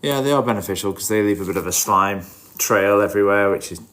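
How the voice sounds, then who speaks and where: Talking fast in a lowish, slightly bright voice, a man with a cold sounds nasal and congested. He's a livestream host chatting casually with viewers while he looks over his fish tank, muttering the odd aside to himself.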